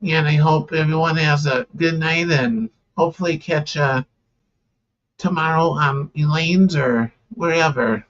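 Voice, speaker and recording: A man hosting a casual live stream, tired and sleepy, talking slowly with lots of "yeah" fillers. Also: fairly high pitch, lo-fi sound. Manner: slow, relaxed, many "yeah" fillers, tired and yawning.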